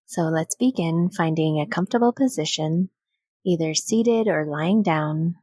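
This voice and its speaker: A woman with a low-pitched voice guides a meditation gently and soothingly, taking her time and leaving long pauses between phrases. There's no echo.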